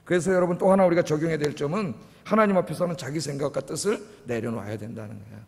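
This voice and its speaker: Middle-aged pastor preaching with a sore throat, highish voice, long hall reverb. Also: male voice, fast talker. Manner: animated, rhetorical, prodding the congregation with questions. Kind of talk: sermon. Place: church sanctuary.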